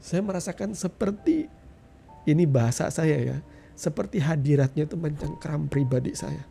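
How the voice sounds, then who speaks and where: A man's voice: on the high side, normal speed, creaky, mellow, soft background music. A middle-aged man giving an earnest testimony sermon, speaking directly to his listeners as a preacher. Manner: earnest, addresses listeners as "saudara".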